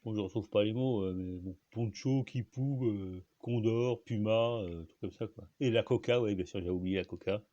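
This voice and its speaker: A man's voice: on the low side, moderate pace, hardly any pauses, dark tone, dry recording, muffled recording. A man hosting his own channel, talking alone in a rambling, casual way, full of fillers and restarts. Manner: rambling, many fillers and restarts, frequent coughs. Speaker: channel host. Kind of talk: casual solo monologue.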